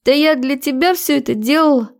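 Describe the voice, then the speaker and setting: A woman reading an audiobook, voicing a hysterical, clingy young woman who pleads and sobs. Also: a little fast. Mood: pleading. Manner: shrill, tearful pleading. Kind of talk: audiobook character voice.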